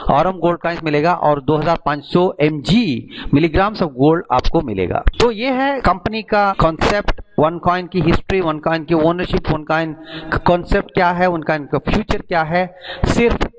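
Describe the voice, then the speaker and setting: A man's voice: on the high side, a little hiss or hum, poor audio. A man giving a sales presentation, explaining step by step and slipping English phrases into his Hindi.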